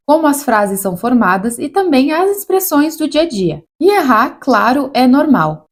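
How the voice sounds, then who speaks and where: A woman's voice: a little high, a little mellow. Chatty Brazilian woman teaching French. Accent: Brazilian Portuguese. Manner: explanatory, chatty, demonstrates French sounds. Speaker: French teacher, channel host. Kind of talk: casual video lesson.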